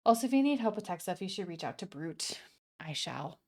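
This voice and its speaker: Chatting loosely through a live gameplay stream at home, a young woman rambles, uses slang and swears now and then into her desk streaming mic. She speaks on the low side and a little fast, with a slightly mellow tone and big pitch swings.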